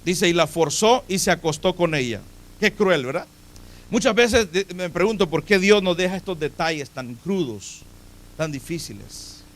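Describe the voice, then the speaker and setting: A man's voice: high-pitched, animated, normal speed, a bit bright. A man preaching a sermon in a church, speaking emphatically and putting direct questions to his congregation. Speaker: pastor. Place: church sanctuary.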